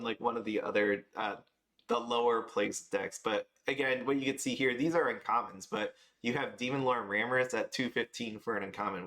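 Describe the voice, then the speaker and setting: A man's voice: medium pitch, bright, forceful tone. Tired, rambling man reviewing card prices. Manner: loose and rambling, many fillers and restarts. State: tired after an early start. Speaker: card game video host. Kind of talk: casual spoken price review.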